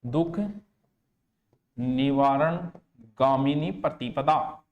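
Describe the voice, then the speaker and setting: A man teaching an exam coaching lecture, speaking emphatically and repeating key terms slowly for students to write down. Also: medium pitch, steady tone, dull audio. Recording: roomy echo.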